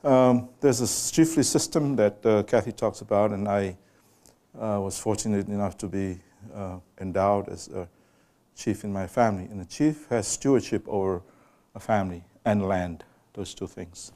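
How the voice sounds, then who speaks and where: A man gives an unhurried public lecture in a room with a live audience. His voice sits fairly low and has a warm, mellow tone. He turns to the listeners now and then with direct questions. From Samoa. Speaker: guest lecturer.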